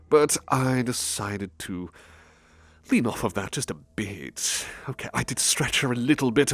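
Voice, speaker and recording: In a horror audio drama, a man with a medium-pitched voice plays a refined, sadistic serial-killer nobleman. He gloats theatrically, savouring his words with breathy drops, while music plays beneath him.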